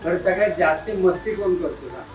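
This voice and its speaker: A man playfully quizzing schoolchildren, coaxing and teasing them and urging them to speak louder. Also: high voice, brisk, over music, rough recording. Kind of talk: playful classroom questioning.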